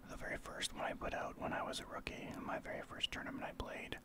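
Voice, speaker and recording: A man from Saskatchewan, Canada, speaking in a soft breathy whisper as an ASMR streamer, explaining his gameplay in informal gamer talk. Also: fast talker. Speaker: streamer, ASMR channel host.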